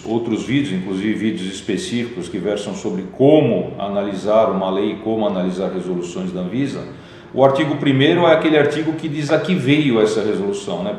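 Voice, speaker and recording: A man's voice: lowish voice, expressive, fairly quick, a little mellow, slight background noise. A man with a Brazilian Portuguese accent, a company executive explaining regulations methodically, step by step. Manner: methodical, explains legal text step by step with fillers. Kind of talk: explanatory talk. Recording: very echoey room.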